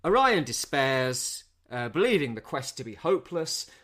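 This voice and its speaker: A man's voice: mid-range voice, sing-song, moderate pace, fairly bright tone. A man chatting casually as a podcast co-host, rambling through a film's plot with frequent restarts. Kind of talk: casual film review chat.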